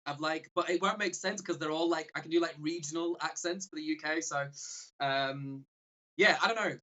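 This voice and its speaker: A man from the UK in a band, halting and shy in casual interview chat. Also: on the high side, bright, forceful tone, dull audio. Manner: halting, lots of fillers, shy. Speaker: band member guest.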